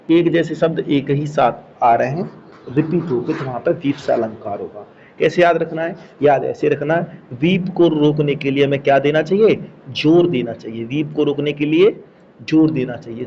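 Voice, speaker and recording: Male teacher, slightly high voice, patient repetitive explainer, dull lo-fi recording with faint hiss. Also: dark tone. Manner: explains step by step, repeats key words, asks checking questions. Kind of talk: Hindi grammar lesson.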